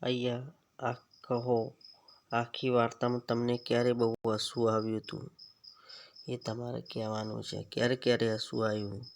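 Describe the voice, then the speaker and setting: Male Gujarati schoolteacher, gravelly low-key delivery, storybook reading for children. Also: monotone. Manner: slow, explanatory, asks the children questions. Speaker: teacher.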